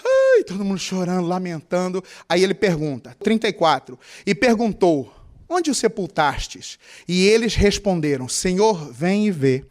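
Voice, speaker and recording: A male pastor with a Mato Grosso Brazilian Portuguese accent preaching a sermon, questioning the congregation and acting out voices of people in tearful, high tones. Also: lively intonation, moderate pace.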